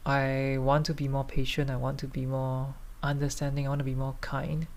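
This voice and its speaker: A man's voice: mid-range voice, monotone, normal speed, a little mellow. A man podcasting solo in a tipsy, loose, rambling casual chat, hesitating, trailing off and circling back. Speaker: podcast host.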